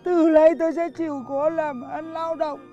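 An actor playing a bumbling, flustered husband who stammers and pleads in a comedy film. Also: male voice, very high-pitched, level tone, normal speed, warm tone, lo-fi sound, soft background music. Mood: pleading. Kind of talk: comic film acting.

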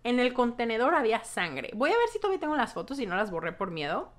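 A woman's voice: on the high side, big pitch swings, quick pace. A young adult woman with a Mexican accent, telling a storytime to her vlog audience in a casual, gossipy way, full of slang and the odd swear. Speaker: vlogger.

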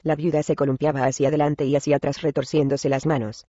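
A man narrating a classic story in Spanish, in measured storytelling style, addressing the listeners as gentlemen. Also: on the high side, little pitch movement, no room sound, muffled recording. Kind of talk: scripted narration.

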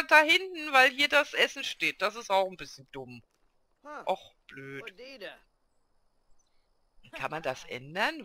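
Bright, lively woman gaming. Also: mid-range voice, no room sound. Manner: chatty, coaxing, talks to her game characters like children. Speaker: let's play gamer. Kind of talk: casual gameplay commentary.

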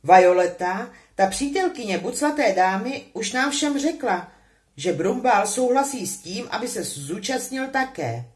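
A woman's voice: fairly high pitch, lively intonation, darkish tone, pitched above the performer's own voice, natural voice. A woman voicing a sulky, sarcastic teenage boy wizard in a storybook reading, with a forced, mocking tone.

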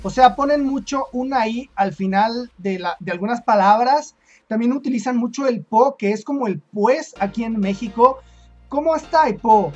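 A Mexican woman chats through her topic for her viewers, with a Mexican accent and casual fillers. Her voice sits slightly high, with soft music playing underneath. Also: moderate pace, lo-fi sound. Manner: chatty, thinking aloud with fillers. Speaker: video host. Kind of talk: casual explanatory commentary.

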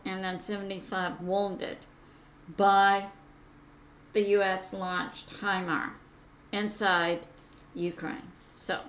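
A woman hosting her own channel, talking through news commentary on her own, pausing often with fillers and correcting herself as she goes. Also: on the high side, fairly bright tone. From United States. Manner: slow, halting, with many "uh" fillers and self-corrections. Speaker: channel host.

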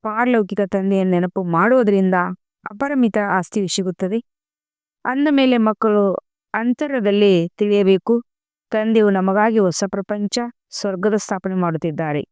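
A woman reading a devotional spiritual discourse aloud in a slow, measured recitation with emphatic pauses. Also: mid-range voice, clean tone, no room sound, clean studio sound. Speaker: murli reader.

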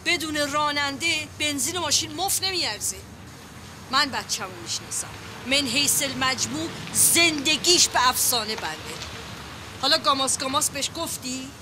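In a Persian TV comedy, an actress with a high, animated voice lectures as a fussing, protective aunt and mother full of folksy sayings. Background noise can be heard in the clip.

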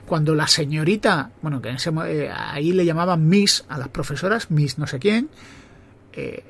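A man from Spain with a Spain Spanish accent, hosting a podcast and telling personal stories from memory in a relaxed, conversational way, often correcting himself as he goes. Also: fairly high pitch, moderate pace, slightly rough. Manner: reminiscing, conversational, with self-corrections. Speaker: podcast host. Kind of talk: personal storytelling monologue.

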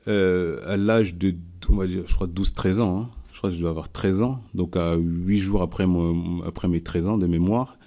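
Low, mellow-voiced man preaching casually. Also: fairly even intonation, normal speed, few pauses. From France. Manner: conversational, repeats words and restarts often. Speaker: Bible study leader. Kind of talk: informal preaching and testimony.

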